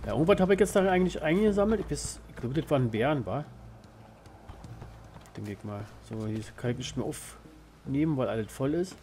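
Male let's play host, mid pitch, slangy thinking aloud, clear game noise behind. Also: lively intonation, fairly quick, darkish tone. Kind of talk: casual gameplay commentary. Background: game ambience.

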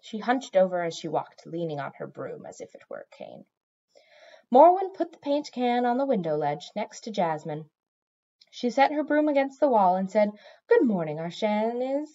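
Woman audiobook reader, lively and animated storybook narration, muffled lo-fi home recording. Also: medium pitch, normal speed.

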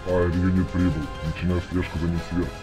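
A man's voice: deep voice, little pitch movement, fast talker, over music, voice pushed down. A man voicing a police air-unit pilot, calling in over the police radio in clipped, procedural radio codes. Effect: police radio call.

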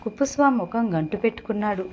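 A woman's voice: medium pitch, lively intonation, fast talker, a little mellow, slight background noise. A woman narrating a serialized audio novel, reading the dialogue lightly within the story.

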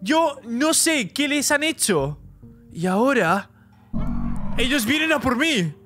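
A man's voice: very high voice, big pitch swings, takes it slowly, music in the background, pitched above the performer's own voice, full character voice. A man voicing a frightened young man in a video game who is hiding from pursuers, pleading and panicked.

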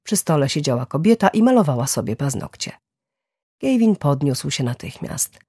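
A woman narrating a crime thriller audiobook in a lively reading voice. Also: low-pitched, normal speed, slightly rough, dry recording, studio quality.

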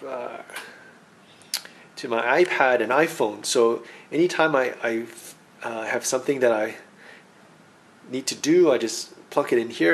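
Man, gravelly, mid-pitched, halting casual tech demo, home office, faint hiss behind. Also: a bit bright. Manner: halting, many ums and restarts. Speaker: tech vlogger. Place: home office in a high-rise apartment.

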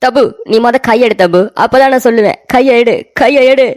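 A woman's voice: fairly high pitch, normal speed, a little mellow, a little hiss or hum, natural voice. A woman voicing an emotional, naive young man in a cartoon story, talking in a whiny, pleading way.

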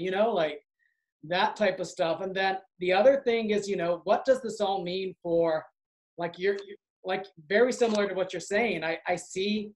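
A man's voice: high voice, low-quality recording. A man who works for a community organization, talking earnestly and reflectively in a casual conversation.

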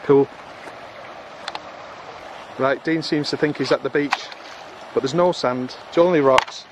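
A middle-aged man chatting excitably to his viewers while magnet fishing outdoors in a river, filmed on a camera. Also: mid-range voice, measured pace, background noise. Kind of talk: casual outdoor commentary. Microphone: camera on a tripod or handheld.

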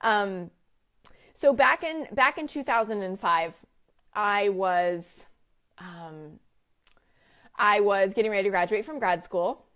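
A woman's voice: mid-range voice, takes it slowly, pauses often, fairly bright tone, lo-fi sound. A woman in her thirties hosting a casual live stream from a room at home, chatty and full of fillers and restarts as she talks to viewers. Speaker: business coach and host. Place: home room with window blinds. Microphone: webcam or phone live-stream.

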